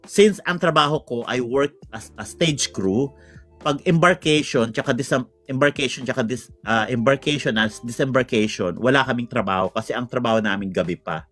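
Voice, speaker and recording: A man's voice: mid-range voice, moderate pace, fairly bright tone, faint music behind. A man from the Philippines telling a long personal story in casual chat, rambling with many restarts. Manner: rambling, code-switching Tagalog and English, many restarts. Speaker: podcast guest telling a story.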